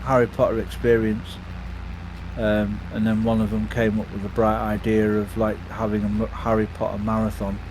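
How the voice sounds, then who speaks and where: A man chatting casually while gaming, relaxed and hesitant with many fillers. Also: lowish voice, normal speed, background noise. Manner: laid-back, hesitant with many ums. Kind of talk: casual chat.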